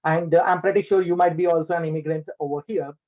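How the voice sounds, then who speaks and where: A man answers interview questions over a bad video call connection. His audio sounds thin and phone-like and keeps cutting out. His voice sits a little high, and he talks at length with many "like, you know" fillers. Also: steady tone, fast talker. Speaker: business owner interviewed as guest. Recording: tinny lossy video call line.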